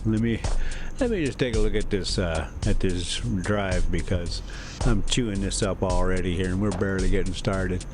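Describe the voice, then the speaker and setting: Over background music, a low-pitched host and storyteller speaks at a moderate pace, folksy, informal and a little profane. He alternates casual conversation with reading aloud from a classic novel.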